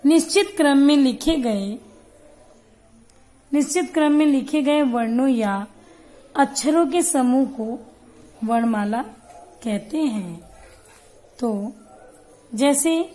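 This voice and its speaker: A woman teacher giving a slow grammar lesson, naming letters one by one in a careful, deliberate way. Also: high voice, lively intonation, dark tone, rough recording.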